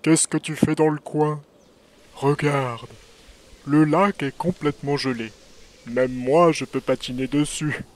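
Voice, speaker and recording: A man voicing a big, casual, evasive male moose with a deep, drawling voice in a children's audio story. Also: steady tone, takes it slowly. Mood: easygoing.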